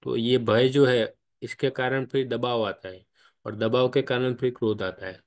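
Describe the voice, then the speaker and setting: A man leads an online spiritual study discussion in a mid-pitched voice. He explains patiently, step by step, and often stops to put questions to his listeners. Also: fairly even intonation, measured pace. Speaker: study group guide. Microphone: online call.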